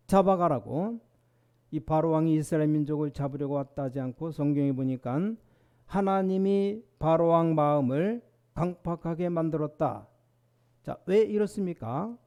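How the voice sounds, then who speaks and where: A man's voice: high-pitched, dark tone. A middle-aged man preaching a sermon in church, often posing rhetorical questions and acting out people's complaints. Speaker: pastor.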